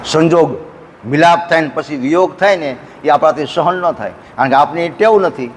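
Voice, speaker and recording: A man preaching a devotional sermon at an ashram, telling folksy stories and breaking into slow sung verses. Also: on the high side, in a large hall, a little hiss or hum. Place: ashram hall.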